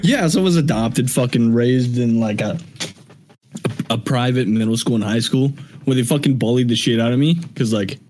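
Here the same kind of guest, a young Washington State rapper and streamer on a video call, chats casually while cursing and laughing often. He speaks in a mid-range, darkish voice at ordinary speed over slight background noise.

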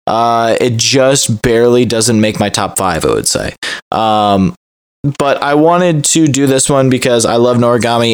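A man hosting a podcast, chatting casually in an animated, jokey way. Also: mid-range voice, clean tone. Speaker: podcast host and editor. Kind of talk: casual chat.

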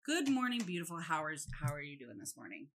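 A woman's voice: deep voice, quick pace, a little hiss or hum. A woman telling a story in casual chat, acting out the quotes of others. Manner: animated storytelling, acts out quotes.

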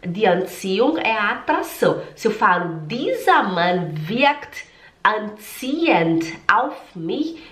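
A Brazilian woman teaching German in an online lesson, sounding congested from a cold and drilling pronunciation by repeating words carefully. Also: mid-range voice. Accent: Brazilian Portuguese. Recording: roomy echo.

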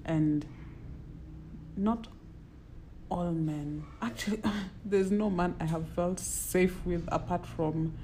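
A woman's voice: on the low side, slow, long pauses, mellow, a little hiss or hum. A woman with a Kenyan accent in casual, reflective conversation, searching for her words and sometimes mixing in Swahili. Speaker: podcast co-host or guest.

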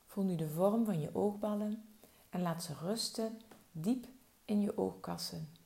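A woman guiding a slow body-relaxation meditation with soft, soothing instructions. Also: medium pitch, creaky. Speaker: relaxation guide.

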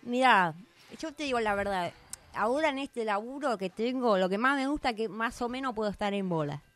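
Woman doing a hoarse male Cupid, Argentine accent, slangy and grumbling, fairly high voice, dry close sound. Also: lively intonation, a little fast, no room sound. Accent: Argentine Spanish. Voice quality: hoarse from shouting. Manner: slangy, complaining, laid-back. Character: broke, weary male Cupid looking for work. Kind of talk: radio comedy sketch.

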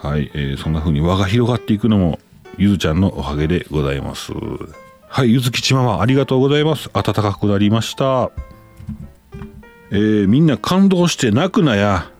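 A man's voice: fairly low pitch, animated, quick pace, darkish tone, soft background music. A man with a Kansai accent hosting a casual talk show, reading listener letters aloud and chatting about them with his own asides. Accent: Kansai Japanese. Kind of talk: casual chat.

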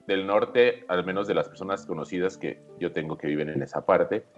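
A man's voice: low-pitched, moderate pace, lo-fi sound, soft background music. A man from central Mexico chatting casually and telling anecdotes. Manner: chatty, tells anecdotes with quoted dialogue. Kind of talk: casual podcast chat.

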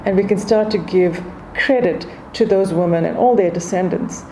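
A woman's voice: fairly low pitch, normal speed, dark tone, a little hiss or hum, rough recording. A woman from South Africa's east coast with a Durban Indian accent, explaining things thoughtfully as a guest in a conversational interview. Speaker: podcast guest, food and wine expert.

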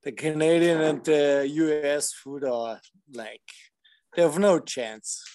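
Slow German-accented man on a video call. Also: a little high, a little mellow, no echo. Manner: halting, searching for English words. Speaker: friend. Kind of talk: casual chat.

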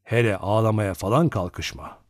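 A man voicing a gentle, kind and lonely middle-aged male lodger in an audiobook, speaking softly and tenderly. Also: fairly low pitch, moderate pace, dry recording, clean studio sound, lightly acted. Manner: soft, tender speech.

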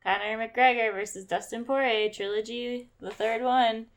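A young woman co-hosting a casual podcast, telling stories in an animated way and quoting people, her voice a little sore from yelling. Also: fairly high pitch, moderate pace. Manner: animated storytelling, quotes herself and others. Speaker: podcast co-host. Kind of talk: casual chat.

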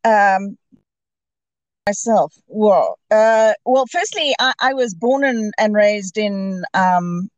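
A Zimbabwean woman calls in remotely as a podcast guest for a casual interview, speaking hesitantly with many restarts and fillers. Her medium-pitched voice is expressive and slow. The sound is lo-fi, with no room sound.

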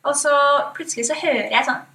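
A woman with a Norwegian accent, a podcast guest, telling a story in a casual, animated way with many fillers and quoted thoughts. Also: high voice. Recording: roomy, distant from mic.

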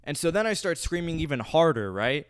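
A young man telling a story in a casual, rambling way, with lots of filler words, frequent swearing and animated outbursts. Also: on the high side, fairly quick, slight background noise.

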